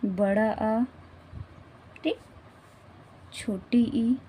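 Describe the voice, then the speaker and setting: A woman's voice: fairly high pitch, extremely slow, dark tone, slight background noise. A woman teaching a grammar lesson, repeating herself and often checking that the class follows. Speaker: Hindi teacher.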